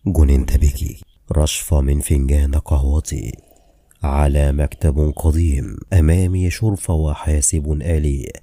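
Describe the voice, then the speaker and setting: A man narrating a novel in the first person, calm and measured. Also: rumbling low. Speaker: audiobook narrator.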